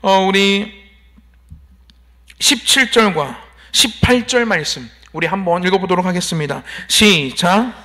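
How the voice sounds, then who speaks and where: Male preacher with a high voice, confessional storytelling style, sermon in a church sanctuary. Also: expressive, unhurried, pushed and bright. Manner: personal storytelling with emphatic polite endings and rhetorical questions.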